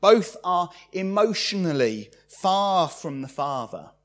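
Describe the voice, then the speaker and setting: A man preaching a sermon, expressive and acting out the lines he quotes. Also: sits high, slow.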